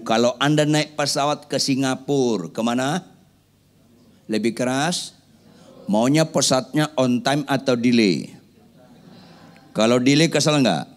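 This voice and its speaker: A man preaching a sermon, firing rhetorical questions at the congregation with playful joking asides. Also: medium pitch. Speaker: pastor.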